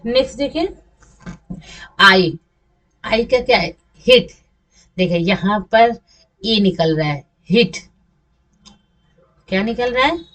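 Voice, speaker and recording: A woman's voice: a little high, expressive, slow, long pauses, a bit bright. A woman English teacher giving a slide lesson, patiently repeating and stretching example words. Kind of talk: classroom lesson over slides.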